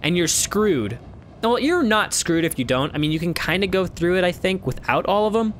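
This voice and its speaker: A man's voice: high-pitched, lively intonation, moderate pace, fairly bright tone, slight background noise. A young man hosting a let's play, reading the game text and chatting casually with rambling, laugh-filled asides.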